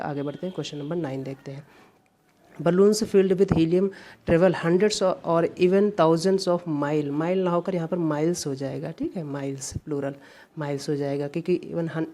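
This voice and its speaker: With a low-sitting, dark voice, an Indian teacher takes students through English grammar exam questions one after another, pronouncing each example sentence slowly and deliberately.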